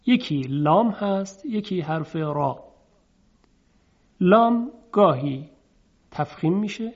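A man teaching a lesson on Quranic recitation, explaining step by step, asking and answering his own questions, and chanting example sounds slowly. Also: fairly high pitch, a little mellow. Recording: dull lo-fi recording.

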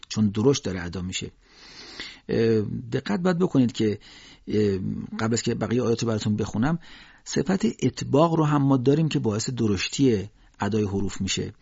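A man's voice: fairly low pitch, vocal fry, a little mellow, husky, no echo. A man teaching Quran recitation, explaining letter sounds patiently with frequent hesitations. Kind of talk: spoken lesson with slow recited examples. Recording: dull, dry lo-fi recording.

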